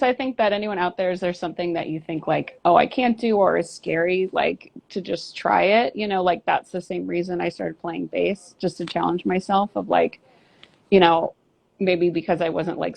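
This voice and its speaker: Creaky and brisk, the fairly low voice belongs to a woman who sings and plays bass in a band. She's a guest on a casual interview, chatting candidly and rambling with fillers and false starts, captured in dull lo-fi sound.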